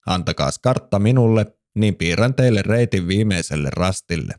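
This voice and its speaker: A patient father frog from a children's storybook, measured and encouraging as he poses a riddle. A man reads him in a deep voice near his own. Close, dry sound. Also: expressive, a little mellow, dry recording.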